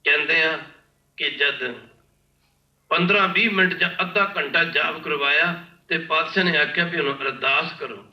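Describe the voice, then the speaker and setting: A man from India preaching a sermon with storytelling, impassioned and repeating his phrases, often pausing to beg the congregation's pardon. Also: fairly high pitch, sharp tone. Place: large worship hall. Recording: echoey hall, distant mic, dull lo-fi.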